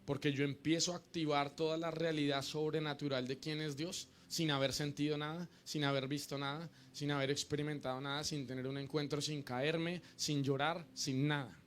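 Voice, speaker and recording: A man's voice: a little high, steady tone, moderate pace, few pauses, slight background noise. A middle-aged man preaching a sermon, teaching in short repeated phrases and calling the congregation to repeat after him.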